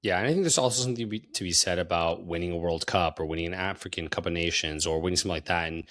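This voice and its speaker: A man's voice: low voice, rapid-fire, fairly bright tone. A man co-hosting a soccer podcast, talking in a loose, rambling way and repeating words as he thinks. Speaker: podcast co-host. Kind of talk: casual chat.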